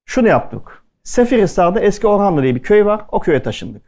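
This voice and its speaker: A man's voice: high voice, very animated, fast, darkish tone. A man speaking at a culinary event, telling stories casually to the audience and acting out the lines of the people in them. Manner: chatty anecdotal delivery, acting out quoted dialogue. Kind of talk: casual storytelling talk to an audience.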